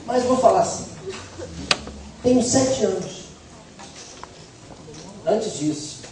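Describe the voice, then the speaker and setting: A middle-aged man from Brazil with a high voice, preaching in a church hall with humor and a chatty, storytelling manner. He sounds far from the mic in a very echoey hall, with faint noise behind him. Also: lively intonation, takes it slowly. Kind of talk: sermon.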